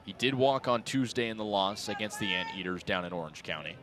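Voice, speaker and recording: A young male radio announcer calls baseball live, fairly quickly and in a lowish voice. He uses terse descriptive phrases, and his energy tracks what happens on the field, growing excited on plays.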